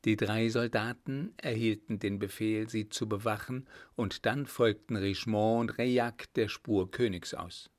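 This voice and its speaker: A man narrating a story in an even, measured storytelling manner. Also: on the low side. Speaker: audiobook narrator. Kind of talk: scripted narration.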